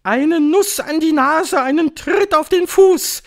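A man voicing a cruel old female witch queen, shrill and commanding, gloating in clipped declarations for an audiobook. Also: takes it slowly, exaggerated voice. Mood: chanting. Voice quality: shrill, thundering. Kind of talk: audiobook reading.

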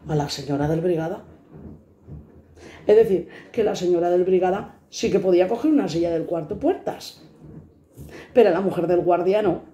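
A woman's voice: on the low side, normal speed, long pauses, warm tone, highs cut off. A blunt, fiery woman in her fifties from Spain tells stories from her own life, swearing and acting out the people in them. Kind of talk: personal storytelling to camera. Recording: echoey room.

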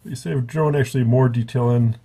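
A man's voice: medium pitch, fairly even intonation, a little fast, dark tone, breathy edge. A man giving a casual, rambling spoken review at a table, often correcting himself as he goes. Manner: rambling, self-correcting, offhand. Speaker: book reviewer.

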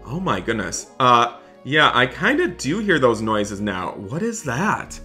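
This young man's mid-range, sharp voice swings widely in pitch as he narrates game footage indoors at an unhurried pace. A gaming video creator, he plays up dramatic, emphatic roleplay for his viewers, often repeating exclamations, with music underneath.

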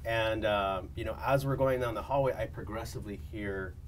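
A man, a real estate agent, telling an anecdote on a studio panel show, lively and laughing as he acts out the people in it. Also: lowish voice, brisk, far from the mic, a little hiss or hum. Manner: animated storyteller, laughs often, acts out quotes.

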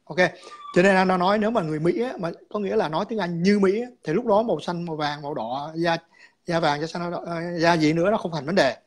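A man's voice: sits high, quick pace. A man calling in to a chat, explaining his views in a rambling way, repeating words and slipping in English terms.

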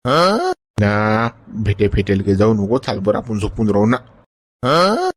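An actor voices an elderly male friend who coaxes and scolds in a Varhadi Marathi accent, repeating "गड्या" as he chides. The voice is lowish and unhurried, with big swings in pitch and a coaxing mood.

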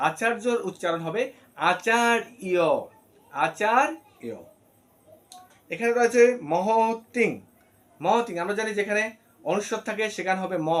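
A man teaching Sanskrit pronunciation in a recorded class, explaining patiently step by step and often checking that the listeners follow. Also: high-pitched. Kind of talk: recorded online class lesson.

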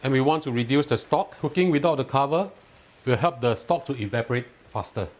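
With lively intonation and a fairly quick pace, a Singaporean-accented man in a mid-range voice hosts a cooking video. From his home kitchen he explains a recipe step by step, mixing instruction with light enthusiasm.

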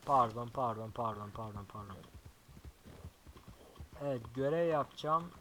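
A young man giving casual gameplay commentary as a YouTuber, chatty and swearing often, talking softly to his horse now and then. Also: medium pitch, animated, a little slow, a little hiss or hum, poor audio. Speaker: gaming YouTuber.

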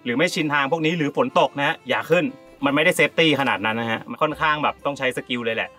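A man's voice: medium pitch, fast talker, faint music behind. Playful Thai man hiking, out of breath. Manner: playful, jokey, shouts out loud at times. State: out of breath from a steep climb. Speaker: travel vlogger. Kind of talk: casual vlog narration while hiking. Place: outdoors on a steep forest trail and clifftop.

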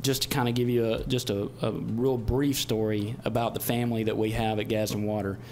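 A middle-aged man giving a measured, explanatory report at a podium microphone in a meeting chamber. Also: lowish voice, little pitch movement, a little mellow. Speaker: utility general manager. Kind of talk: semi-formal spoken report at a public meeting. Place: indoor council chamber. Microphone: podium gooseneck microphone. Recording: background noise, room ambience.

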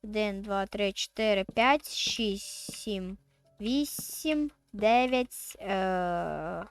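A woman's voice: medium pitch, very slow, clear, resonant tone, dry recording, soft background music. A woman, chatting casually as she plays a video game and counts aloud while building. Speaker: gaming video host.

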